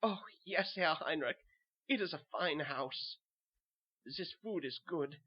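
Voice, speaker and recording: In first-person horror audio narration, a man plays a weary, haunted German soldier with a German accent, telling the tale in simple short sentences with a subdued mood. His voice is on the high side, pitched above his own natural voice, expressive, slow and husky, heavily acted, with the highs cut off.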